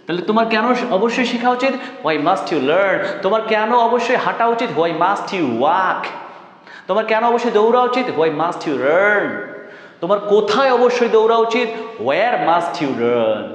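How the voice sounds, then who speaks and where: A man teaching a spoken English lesson, drilling translated phrases and stressing key words loudly. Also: high-pitched, animated, normal speed, highs cut off. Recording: echoey room with long reverb.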